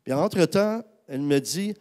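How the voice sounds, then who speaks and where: A man, a pastor with a Québécois accent, telling a personal story in a sermon, animated, with many fillers and restarts. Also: fairly high pitch, moderate pace.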